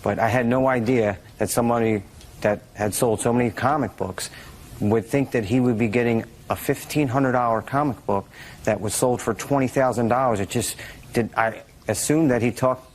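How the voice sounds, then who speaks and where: A man with a mid-pitched voice argues his case as a TV court defendant. He is insistent and keeps justifying himself. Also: moderate pace, a little hiss or hum.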